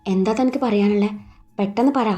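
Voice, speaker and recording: Woman reading as earnest young male lover, firm and clipped, mellow tone. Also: medium pitch, a little fast, faint music behind, lightly acted. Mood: stern.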